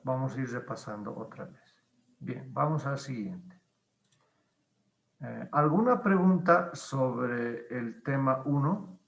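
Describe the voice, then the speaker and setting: Slow, gravelly teacher. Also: male voice, medium pitch, expressive, a bit bright, roomy sound, highs cut off. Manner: patient, explains slowly with many pauses and fillers. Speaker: English teacher. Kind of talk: online class explanation.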